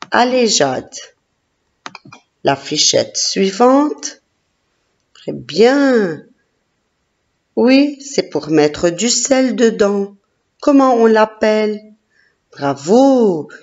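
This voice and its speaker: A woman teacher leading a classroom phonics lesson, slowly sounding out syllables and praising each child. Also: fairly high pitch, a little mellow. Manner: slow, encouraging, sounding out syllables. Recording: dull lo-fi recording.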